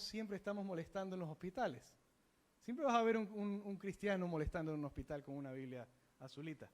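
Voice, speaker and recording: A man preaching a sermon, putting questions to the congregation and moving between hushed asides and raised, emphatic bursts. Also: sits high. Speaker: pastor.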